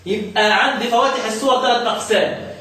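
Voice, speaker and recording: High-voiced Egyptian man teaching in an echoey room. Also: sharp tone. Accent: Egyptian Arabic. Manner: asks students questions and repeats key terms slowly. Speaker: Quran recitation teacher. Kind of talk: explanatory lesson to students. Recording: echoey room, distant mic, faint noise.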